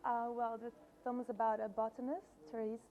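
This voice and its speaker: A filmmaker from Brazil being interviewed at a film festival, answering thoughtfully with frequent pauses. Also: female voice, on the high side, flat delivery, phone-quality sound. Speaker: filmmaker guest.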